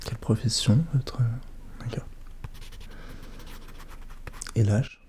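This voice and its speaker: A man doing a soft-spoken, whispered role-play as a psychologist, questioning gently and attentively in a hushed voice that drifts into whispers. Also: medium pitch, fairly even intonation, slow pace. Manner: gentle, attentive questioning with short murmured acknowledgements. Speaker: ASMR performer role-playing a psychologist.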